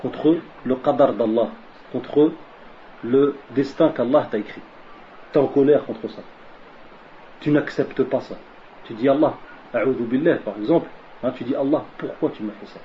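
A man's voice: mid-range voice, measured pace, pauses often. A man giving a religious lesson who keeps asking questions and answering them himself, mixing Arabic religious phrases into his French and repeating key lines for emphasis. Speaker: preacher. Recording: dull lo-fi recording with faint noise.

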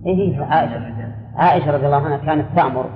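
A man's voice: a little high, rapid-fire. A man, a religious scholar teaching a class on Islamic law, explaining and answering students' questions while repeating key words. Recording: phone-like audio in a long-echoing hall.

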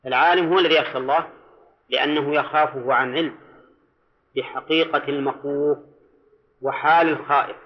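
A man teaching Quran commentary in a classroom lecture, speaking deliberately, repeating key phrases and quizzing his students. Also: on the high side, steady tone. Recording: dull lo-fi lecture recording.

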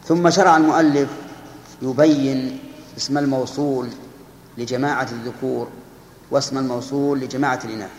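A man's voice: mid-range voice, fairly even intonation, a little fast, pauses often. A man giving a grammar lesson, explaining step by step and putting questions to his students. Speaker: teacher. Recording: echoey hall recording, faint noise.

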